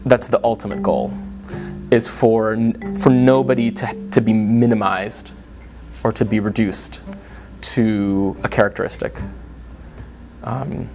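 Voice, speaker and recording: A man from the Dominican Republic, a community advocate, giving earnest and thoughtful interview answers in short, halting phrases. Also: lowish voice, level tone. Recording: guitar music playing underneath. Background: soft guitar music.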